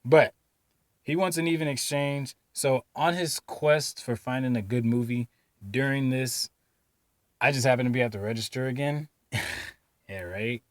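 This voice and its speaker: A man casually telling a story from his store job, slangy and animated, jumping up and down in pitch and loudness for emphasis. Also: measured pace, long pauses, no room sound, clean studio sound. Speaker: vlogger telling a work story.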